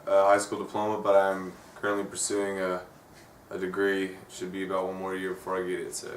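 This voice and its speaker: A young man in his twenties from Texas answers plainly and matter-of-factly. His voice is fairly low. He sits away from the mic in an echoey space with faint background noise. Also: completely flat delivery, brisk, far from the mic. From Texas, USA. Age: 20s. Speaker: college student interviewee.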